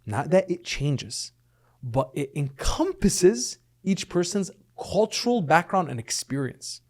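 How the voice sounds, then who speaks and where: A man's voice: fairly high pitch, big pitch swings, slow, a little mellow. A middle-aged man, raised in Lebanon and the United States, speaking as a guest in a podcast interview. He explains his points earnestly and often checks in with "right?".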